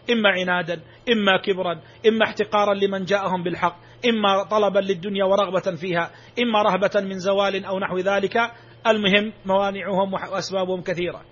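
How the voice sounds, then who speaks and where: A man with a high, slightly bright voice preaches a sermon emphatically, his voice rising sharply whenever he exclaims. The recording is dull and lo-fi.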